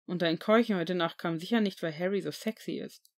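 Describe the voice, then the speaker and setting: A woman's voice: lowish voice, brisk, a little mellow, lightly acted. Teasing teen wizard, plain voice; woman reader. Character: teasing teenage boy wizard.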